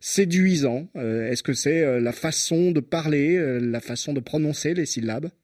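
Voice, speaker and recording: A man's voice: fairly high pitch, moderate pace, darkish tone, dry recording, studio quality. A man hosting a radio interview, asking questions conversationally and searching for words. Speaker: radio host.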